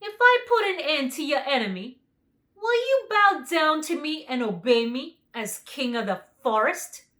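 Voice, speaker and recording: A woman's voice: sits high, big pitch swings, a little slow, a bit bright, pitched above the performer's own voice, full character voice. A woman voicing a big, confident, cheerful male lion in a children's storybook, speaking emphatically. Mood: confident, questioning.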